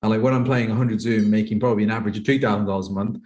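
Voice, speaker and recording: Talking rapid-fire in a lowish, darkish, steady voice, a thirty-year-old professional poker player from the United Kingdom rambles through personal stories as a podcast guest. His casual interview chat is peppered with "like".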